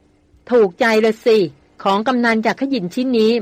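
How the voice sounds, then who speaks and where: A woman's voice: on the high side, fairly even intonation, normal speed, dry recording, lightly acted. A woman reading aloud as a blunt grown man who teases and grumbles. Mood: teasing.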